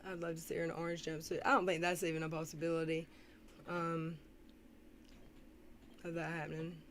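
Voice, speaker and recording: A woman giving casual reaction commentary on a livestream, often clearing her throat and pausing to read comments. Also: low-pitched, flat delivery. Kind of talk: casual reaction commentary, reading live chat. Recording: faintly noisy livestream audio.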